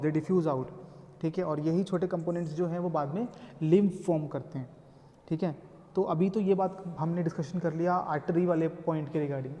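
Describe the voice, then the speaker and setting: A male lecturer gives a code-mixed classroom lecture, explaining step by step and often checking in with his students. His voice is on the high side with a warm tone. The recording, made in a classroom, has a reverberant room sound.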